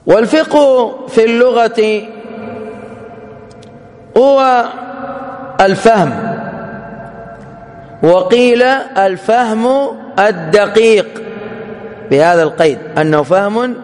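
A man teaching a religious lesson in a measured, explanatory way, spelling out each point with care. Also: high voice, a little mellow, big-room sound. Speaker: Islamic teacher.

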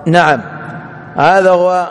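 A man teaching a religious lesson in a measured, explanatory way, spelling out each point with care. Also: high voice, steady tone, big-room sound. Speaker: Islamic teacher.

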